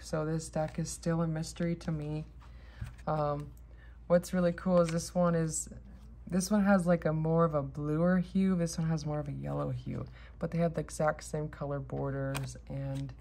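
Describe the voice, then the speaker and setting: A woman's voice: low voice, a little mellow, a little hiss or hum. A woman chatting casually about her collection in a sleepy, rambling way, letting her thoughts trail off. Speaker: host of a tarot deck haul vlog.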